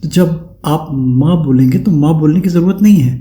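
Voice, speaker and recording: A man's voice: a little high, moderate pace, warm tone, roomy sound. A man giving a spiritual discourse as a teacher, explaining step by step, often checking in with "है ना" and demonstrating chants himself.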